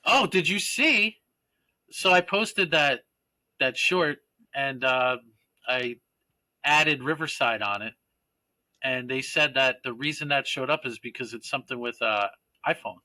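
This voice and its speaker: A man's voice: mid-range voice, unhurried, long pauses, sharp tone, no echo, rough recording. A man co-hosting a casual wrestling podcast, chatty and rambling, full of hedging asides. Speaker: podcast co-host. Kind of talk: casual chat.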